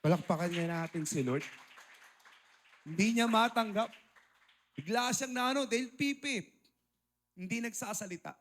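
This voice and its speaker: A man's voice: sits high, normal speed, long pauses, a bit bright. A male pastor preaching a sermon, mixing in English and asking rhetorical questions of the congregation.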